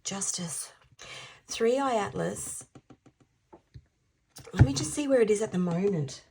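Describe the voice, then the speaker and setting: A woman in her fifties giving an intuitive tarot reading, musing aloud, repeating phrases and sometimes dropping into soft half-whispers. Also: mid-range voice, expressive, takes it slowly, gravelly, a little hiss or hum. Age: 50s. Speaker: tarot reader.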